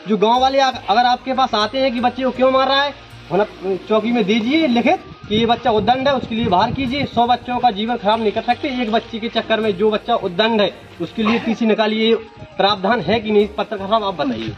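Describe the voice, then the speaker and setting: Indignant high-voiced village man. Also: fairly even intonation, a little fast. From Datia district, Madhya Pradesh, India. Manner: earnest, indignant, talks in short bursts. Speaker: village resident making a complaint. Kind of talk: on-the-spot interview. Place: outdoors at a village school. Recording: dull lo-fi sound with music behind.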